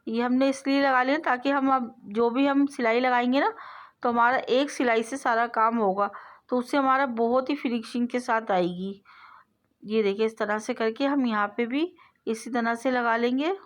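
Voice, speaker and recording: A woman's voice: fairly high pitch, normal speed. Patient woman explaining sewing steps. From South Asia. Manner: patient step-by-step explaining, repeats phrases. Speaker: sewing tutorial host. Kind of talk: instructional voice-over.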